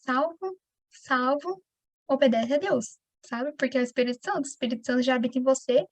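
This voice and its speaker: She is a preacher teaching from the Bible in a chatty, energetic way, her Brazilian Portuguese accent clear as she repeatedly addresses listeners head-on. Her voice sits high, with no echo behind it.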